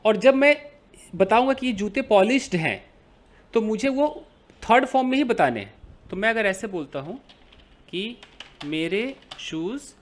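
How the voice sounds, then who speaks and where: A man's voice: sits high, lively intonation, measured pace, long pauses. A man teaching an English grammar lesson in Hindi, explaining with everyday examples and asking and answering his own questions.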